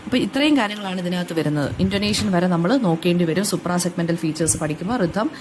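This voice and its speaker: A woman with a Kerala accent explaining English phonetics for exam notes, stopping often with fillers and saying English example phrases slowly. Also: fairly low pitch, noisy background. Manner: frequent fillers and self-restarts. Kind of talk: exam-notes lecture in Malayalam.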